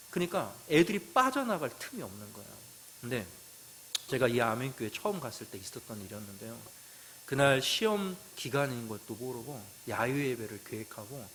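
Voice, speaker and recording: A man preaching a sermon as a pastor. He tells stories, asks the congregation questions, and moves between loud emphatic phrases and quiet asides. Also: mid-range voice, slight background noise, rough recording.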